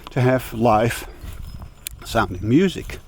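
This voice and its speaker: A man's voice: medium pitch, animated, slow, husky. Rambling middle-aged man vlogging outdoors. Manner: rambling, hesitant, with many fillers and restarts. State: slightly out of breath. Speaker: audio YouTuber. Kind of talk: casual vlog talk while walking. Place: outdoors on a hill walk.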